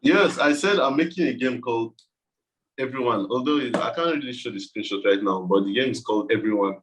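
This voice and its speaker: A man's voice: mid-range voice, fairly quick, a little hiss or hum, low-quality recording. A man with a West African accent talking casually as an interview guest, explaining things in a loose, informal way. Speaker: game developer being interviewed.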